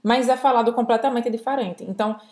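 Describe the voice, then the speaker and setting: A woman with a Brazilian accent, her voice sitting a bit high, explains French grammar in a relaxed lesson chat. She slows down to spell out sounds and words for learners. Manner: explanatory, demonstrates pronunciation slowly. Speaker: French teacher, co-host. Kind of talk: conversational language lesson.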